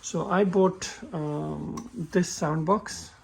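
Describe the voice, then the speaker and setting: A man walking through a car repair in a halting, casual way, often stumbling and restarting his sentences. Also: fairly high pitch, gravelly, a little hiss or hum. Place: workshop with a work table.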